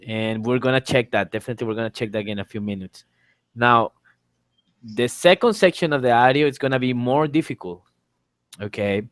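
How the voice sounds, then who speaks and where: Over an online call mic with no room sound, a male exam tutor teaching English speaks in a mid-range voice. His informal lesson moves step by step, and he repeats his phrases and spells out letters.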